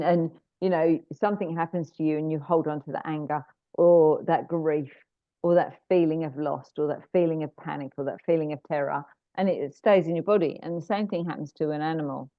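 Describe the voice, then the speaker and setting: A chatty, animated woman with a low-pitched voice, trading stories as a guest. She restarts sentences often and fills gaps with "you know." The sound is dry and thin, like a call over a phone line. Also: no room sound. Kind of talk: casual interview chat.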